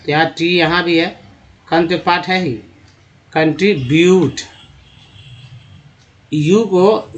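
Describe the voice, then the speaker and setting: A man with a Hindi accent teaching English reading by sounding out letter groups slowly and repeating each word. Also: high voice, rough recording. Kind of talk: slide-based phonics lesson.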